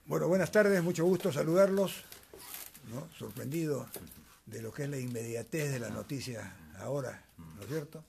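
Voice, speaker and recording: An older Peruvian man reminisces as an interview guest in a small, cluttered room, speaking into a handheld wired mic the interviewer holds. His mid-range voice is creaky and a little mellow, with lively intonation and a faint hiss or hum. He tells his stories in a measured way, tagging his remarks with asides.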